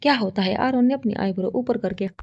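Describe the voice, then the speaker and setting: A woman narrating a romance story in a soft, steady reading voice, on a dull, dry recording. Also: medium pitch, quick pace, breathy edge, no room sound.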